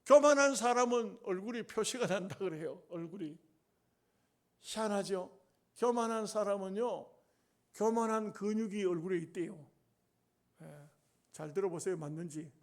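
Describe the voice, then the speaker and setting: A male pastor, preaching a sermon with emphatic, drawn-out phrases and folksy humorous asides. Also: high voice.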